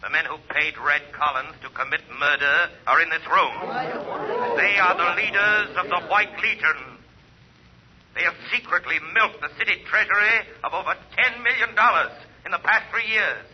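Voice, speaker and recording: A man playing a mysterious, commanding invisible crime-fighter in an old radio drama, speaking solemnly and deliberately with theatrical weight in a husky voice. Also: high voice, lightly acted. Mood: accusing, ominous. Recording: muffled vintage radio recording.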